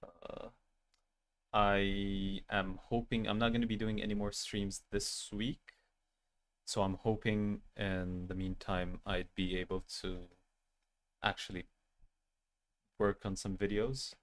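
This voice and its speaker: A man's voice: on the low side, level tone, takes it slowly, long pauses. Youthful-voiced man chatting to his stream. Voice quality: youthful-sounding voice. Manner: rambling and self-deprecating, talking straight to his chat. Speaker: game streamer with an animated avatar. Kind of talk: casual end-of-stream chat.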